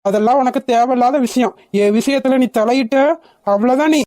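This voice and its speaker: A woman's voice: on the high side, fairly even intonation, fairly quick, mellow, no room sound, close to an everyday voice. A woman voicing an arrogant young male village rogue in a cartoon, bullying and threatening, recorded dry and close. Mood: taunting. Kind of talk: cartoon voice acting.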